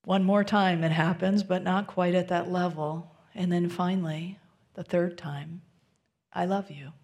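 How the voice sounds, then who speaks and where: Woman minister giving a sermon, soft and reflective, kinda gravelly low voice. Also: fairly even intonation, unhurried. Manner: gentle, reflective, drops into soft whispers.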